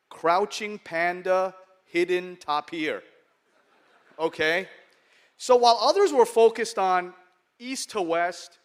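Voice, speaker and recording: A middle-aged American man from the United States, a venture capital investor, gives a conference keynote in a large hall. He has a New York accent and a slightly high voice, and he is chatty, humorous and conversational, often checking in with "okay?".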